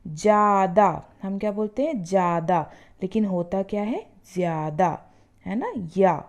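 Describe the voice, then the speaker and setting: A woman teaching schoolchildren, explaining spelling mistakes and slowly sounding out example words, often checking in with "ठीक है". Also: mid-range voice, expressive. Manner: drawn-out demonstration of words, frequent "है ना" and "ठीक है"; addresses the students directly as children. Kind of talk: classroom lesson explaining spelling errors.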